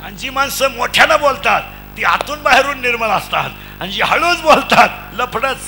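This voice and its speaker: A man's voice: extremely high pitch, expressive, moderate pace, pushed and bright, faint music behind. A middle-aged man preaching a comic devotional sermon, chanting rhythmic lists and quizzing his audience. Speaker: kirtan preacher.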